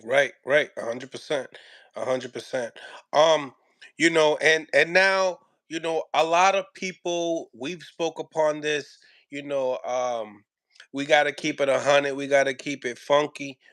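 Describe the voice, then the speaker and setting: A man's voice: on the high side, steady tone, a little slow, a bit bright, no room sound. A man hosting a casual sports reaction video, talking in a wordy, agreeable way as he sets up questions. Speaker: host asking questions.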